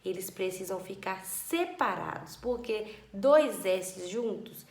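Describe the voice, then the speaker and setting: A woman teacher takes a young class through a spelling lesson. She talks at an unhurried, slow pace and stretches words out to sound them. The recording has a roomy echo around her. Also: mid-range voice, expressive, creaky, darkish tone.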